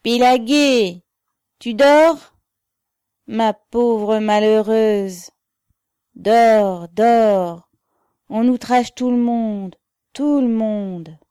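A woman's voice: fairly high pitch, drawn-out words, pauses often, dark tone, clean tone, no room sound, studio quality, voice pushed up. A woman voicing a drunk older woman calling out and lamenting under a window. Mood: drunken lament.

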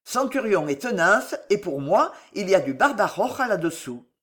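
A woman reads aloud as a frail, iron-willed dwarf man. He speaks gravely and holds his feelings back, though the voice still moves with a lively lilt. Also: mid-range voice, moderate pace, close to an everyday voice. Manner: grave, restrained. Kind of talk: audiobook character reading.

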